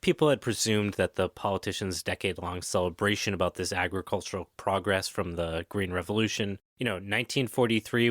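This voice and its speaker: Low-voiced male podcast host, casual and jokey, dry close sound. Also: a bit bright, dry recording. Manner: jokey, swearing, tangents. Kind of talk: casual history chat.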